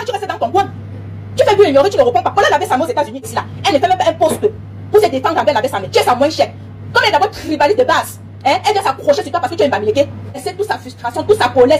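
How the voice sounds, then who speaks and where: A woman's voice: very high-pitched, darkish tone, a little hiss or hum. Woman, commentator type, fires off a taunting rant at breakneck speed, keeps hammering the same points. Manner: emphatic, repetitive, taunting, frequent "hein?". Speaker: online commentator. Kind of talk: heated direct-address monologue.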